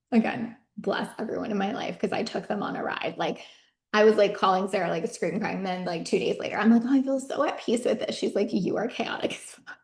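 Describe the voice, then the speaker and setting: A woman's voice: medium pitch, creaky, a little mellow. A woman host giving a casual, chatty personal update to her online group, full of fillers and swearing, and reading chat replies aloud. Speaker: business coach and host. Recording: echoey room.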